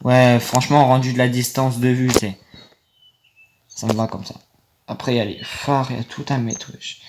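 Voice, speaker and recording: Over a noisy background, a young gaming video creator rambles casually in a mid-range voice while playing a phone game. He talks directly to viewers and is easily annoyed as he comments.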